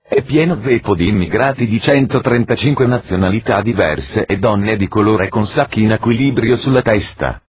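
A man reading parody train station announcements in a formal, deadpan announcer manner. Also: on the low side, moderate pace. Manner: formal announcer delivery with deadpan absurd jokes.

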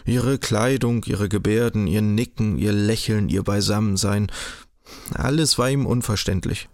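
A man reading a literary audiobook in a measured, even storytelling manner, close to the mic. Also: lowish voice, no room sound. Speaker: audiobook narrator.

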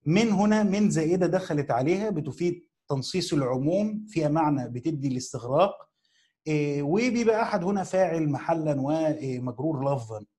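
Speaking with an Egyptian Arabic accent, a teacher reads a text to his class slowly, one phrase at a time, repeating key words and posing rhetorical questions as he explains it. His voice runs on the high side, mellow, with lively intonation.

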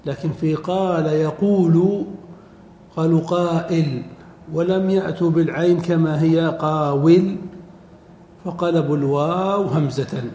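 A middle-aged man teaching Arabic word forms in a classroom lecture, quizzing his students and repeating each form slowly. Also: a little high, steady tone, mellow. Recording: echoey hall recording, faint background noise.

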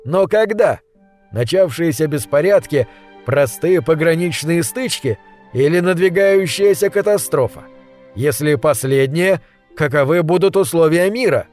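A man's voice: a little high, expressive, unhurried, faint music behind. A man reading the part of a bitter, insistent exile from the future in an audiobook. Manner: insistent, then quiet and bitter.

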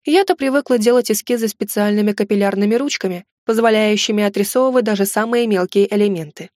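A woman narrating a first-person fantasy audiobook in a steady, measured reading. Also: medium pitch, no room sound, clean studio sound.

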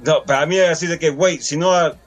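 A man's voice: a little high, quick pace, some chatter behind. A man with a Mexican accent hosting a casual film discussion, slangy and mock-dramatic when he rants. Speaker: podcast host.

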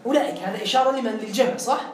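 A man teaching an Arabic grammar lesson in a classroom, explaining slowly, repeating points and quizzing his students. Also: very high voice, echoey room, slight background noise.

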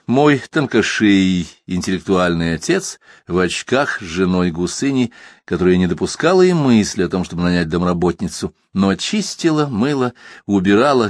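Low-voiced guy reading a novel, dry close sound, takes his time and rises and falls a lot. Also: no room sound. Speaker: audiobook narrator. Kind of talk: literary audiobook narration.

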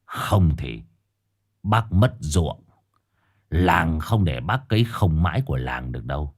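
A man's voice: rumbling low, expressive, slow, voice pushed down, full character voice. A man voicing a drunk, menacing male village enforcer who slurs and drawls his threats.

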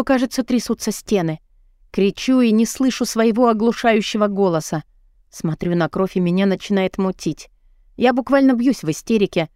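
A woman's voice: medium pitch, a little mellow, dry recording, clean studio sound. Woman narrating an emotional audiobook. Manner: emotional, dramatic first-person reading. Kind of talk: first-person audiobook narration.

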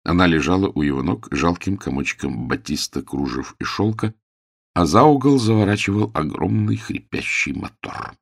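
A male audiobook narrator with a deep, low voice, reading in a measured and expressive way. The recording is close and dry, with no room sound. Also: vocal fry, husky, no echo.

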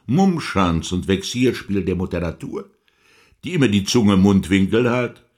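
An actor playing the Devil as a sly, mocking, smooth-talking tempter in a radio drama, theatrical and insinuating. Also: male voice, sits low, animated, normal speed, a little mellow. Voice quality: husky, breathy, creaky. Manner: theatrical, insinuating, wordy with mannered archaic phrases.

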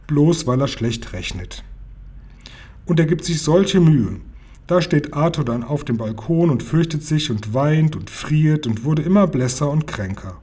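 Man voicing a confident young girl, storybook, firm, warm breathy voice. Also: on the high side, expressive, a little slow. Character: brisk, self-assured young girl.

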